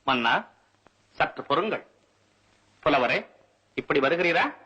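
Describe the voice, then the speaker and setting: A man's voice: a little high, sing-song, slow pace, pushed and bright, breathy edge, muffled recording, full character voice. A man playing a stern, proud older male court poet, formal and lecturing, in a comic scene reenactment.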